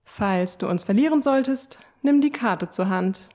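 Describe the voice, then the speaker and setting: A woman co-guiding a scripted audio walk, speaking in a gentle, reassuring and inviting way. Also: medium pitch, lively intonation, measured pace. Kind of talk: scripted narration.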